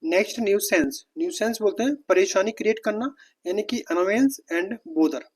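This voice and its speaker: A man teaching an exam vocabulary lesson in steady, word-by-word drills with a Hindi accent, slowing down to spell out English synonyms. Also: high-pitched, breathy edge, rough recording.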